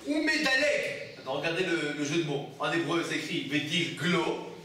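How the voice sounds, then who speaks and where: High-voiced rabbi in an echoey classroom. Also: male voice, steady tone, brisk, sharp tone, slight background noise. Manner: asks the class rhetorical questions and answers them; explains texts with repeated phrases and restarts. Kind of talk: Torah study lesson. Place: classroom with students. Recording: echoey room, mic far off.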